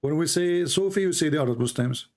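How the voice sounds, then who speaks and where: Speaking fast in a fairly high, slightly mellow voice, a man hosts a live call-in debate show. He pushes hard at a caller, firing off pointed questions over and over in a pressing, repetitive way.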